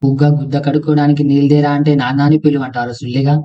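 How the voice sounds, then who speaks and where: A man's voice: medium pitch, little pitch movement, rapid-fire, lo-fi sound, music in the background. A man voicing crude, rowdy banter between friends in a comic cartoon. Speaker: cartoon comedy voice artist.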